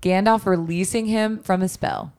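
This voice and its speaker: A woman's voice: medium pitch, fairly even intonation, moderate pace, darkish tone, clear, resonant tone. A woman guesting on a podcast, chatting casually and with feeling about scenes from a film. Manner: chatty, emotional retelling of scenes.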